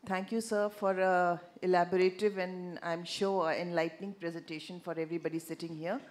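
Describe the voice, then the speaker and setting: A woman's voice: on the low side, flat delivery, a little fast, a little mellow. A middle-aged woman with an Indian accent moderating a conference session from a stage table microphone. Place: large auditorium, on stage. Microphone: table gooseneck microphone.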